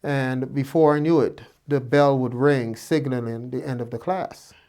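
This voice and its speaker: With a mellow, mid-range voice, fairly even intonation and a measured pace, this man shares his life story with students. He's a doctor from Guyana in his fifties, storytelling in a relaxed, reflective way full of fillers and false starts.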